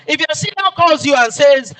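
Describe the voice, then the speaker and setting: Nigerian male lecturer, very high and bright voice, emphatic repetitive oratory. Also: expressive, moderate pace, low-quality recording. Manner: emphatic oratory with repeated phrases. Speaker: guest lecturer. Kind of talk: formal public lecture.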